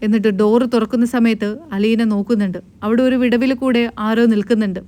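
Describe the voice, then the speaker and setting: A woman's voice: a little high, steady tone, fast talker, warm tone. A woman casually retelling a TV serial episode, narrating in a plain, flowing storytelling manner.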